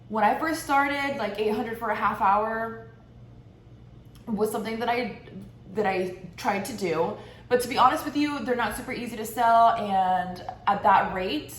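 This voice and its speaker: A young woman vlogger telling a story in a casual monologue, candid and blunt, with profanity and sarcastic asides. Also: mid-range voice. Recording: echoey room with faint ambient noise.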